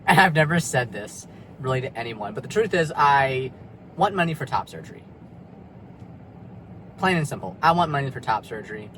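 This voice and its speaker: In a noisy parking lot, a young vlogger speaks from his car in a medium-pitched voice, candidly rambling and confessing with plenty of fillers and swearing.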